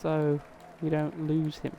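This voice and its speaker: A weary man with a fairly high voice commentates a sim race in a loose, chatty way, talking straight to drivers and viewers. His stream mic carries a clear layer of noise behind him. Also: monotone, slow, warm tone. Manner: laid-back, chatty, addresses viewers and drivers directly. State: tired. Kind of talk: live sim racing commentary.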